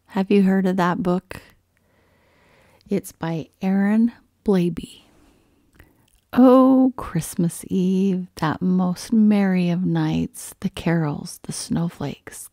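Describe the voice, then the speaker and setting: Read-aloud host woman, slow gentle storytelling, mellow voice, dry close recording. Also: lowish voice, dry recording. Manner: gentle and expressive, often whispering. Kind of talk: children's picture-book read-aloud.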